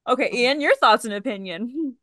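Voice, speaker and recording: A woman hosting a casual fan podcast, chatty and animated, acting out quotes as she tells stories. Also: a little high, normal speed, no echo, studio quality. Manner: animated storyteller, acts out quotes. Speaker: podcast host.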